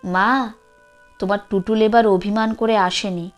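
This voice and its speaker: A woman's voice: medium pitch, fairly even intonation, measured pace, soft background music, lightly acted. A woman voicing a doting eldest daughter who speaks with a wheedling tone in a storybook reading.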